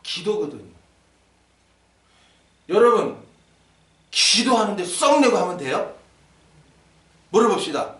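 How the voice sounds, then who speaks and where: Lively older male pastor preaching. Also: high-pitched, slow pace, long pauses. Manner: lively, asks the congregation questions, jokes. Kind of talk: sermon. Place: church sanctuary. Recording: echoey church hall, mic at a distance.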